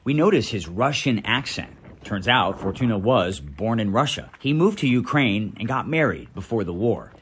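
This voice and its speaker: With deliberate pauses and a dramatic, measured delivery, an American male correspondent reads a scripted news voice-over. His lowish voice swings widely in pitch and sounds fairly bright but slightly rough.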